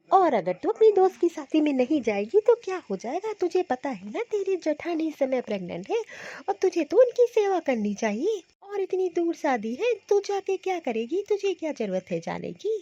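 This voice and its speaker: Woman playing a bossy older cartoon mother-in-law, scolding, mellow tone, lively pitch. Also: lo-fi sound.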